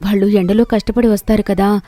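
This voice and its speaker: A woman voicing a meek young wife who speaks softly and deferentially. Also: mid-range voice, level tone, brisk, no echo, natural voice. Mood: humble. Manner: soft, deferential.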